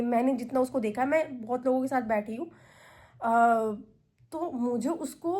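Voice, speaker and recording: A woman's voice: high voice, a little mellow. A woman, chattily telling a story to camera as a vlogger. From India. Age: 20s. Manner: chatty, retells calls with quoted voices.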